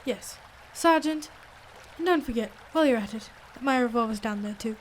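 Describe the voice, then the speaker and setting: A woman's voice: a little high, moderate pace, a little hiss or hum, close to an everyday voice. A woman playing a loyal male doctor, a detective's earnest and easily astonished companion, in a radio drama. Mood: admiring. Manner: earnest, questioning, exclamatory.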